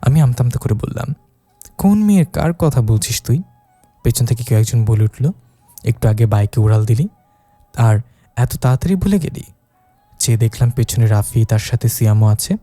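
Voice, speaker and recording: Dark-voiced man narrating a romance story. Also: moderate pace, no room sound, soft background music. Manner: first-person storytelling, lifting his pitch for the young wife's lines.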